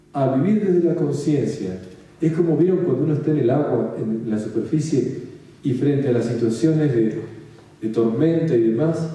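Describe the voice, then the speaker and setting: Mellow man in a very echoey room. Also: a little high. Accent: Rioplatense Spanish. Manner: calm, repeats phrases, checks in with listeners. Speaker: spiritual speaker. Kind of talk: spiritual talk to an audience. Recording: very echoey room, mic far off.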